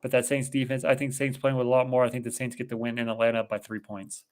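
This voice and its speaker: Fast and flat in delivery, this medium-pitched Boston man co-hosts a laid-back football picks show, firing off confident predictions as part of casual betting talk.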